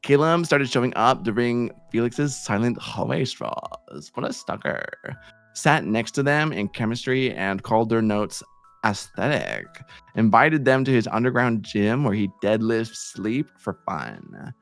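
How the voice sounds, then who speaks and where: A man streamer reading silly fan fiction aloud in a playful, animated storytelling way with sudden shouts. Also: medium pitch, unhurried, vocal fry, faint music behind.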